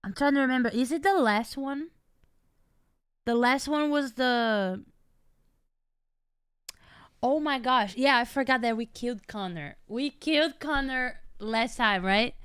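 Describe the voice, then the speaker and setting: A woman's voice: high-pitched, a little slow, pauses often, a bit bright, clean tone, no echo. A woman streamer giving casual gameplay commentary, chatty and thinking aloud as she plays.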